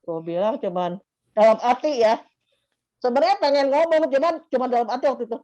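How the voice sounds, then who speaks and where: A young woman from Bogor, telling an interviewer about her time as a COVID-19 survivor in a chatty, animated way full of fillers. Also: a little high, brisk, dry recording. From Bogor, Indonesia. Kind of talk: casual storytelling interview. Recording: dull lo-fi sound.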